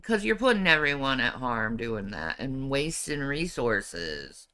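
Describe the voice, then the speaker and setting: A woman's voice: extremely low pitch, measured pace, clean tone. A woman streamer chatting casually and sarcastically about online drama, sometimes mocking others with put-on voices. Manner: sarcastic, animated, mocking impressions. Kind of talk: casual commentary chat.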